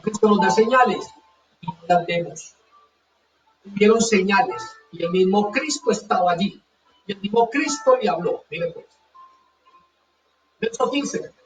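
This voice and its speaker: A man's voice: sits high, lively intonation, measured pace, pauses often, far from the mic, background noise. A man preaching a sermon with fervor, hammering his points by repeating them. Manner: fervent, repeats phrases for emphasis. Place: church hall. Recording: dull echoey church sound from afar.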